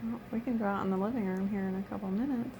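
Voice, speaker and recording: A middle-aged woman talks casually in a medium-pitched voice with plenty of vocal fry. She sounds coaxing and reassuring, like someone looking after another person. There is slight noise in the recording. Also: steady tone, racing. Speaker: caregiver. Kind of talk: casual chat.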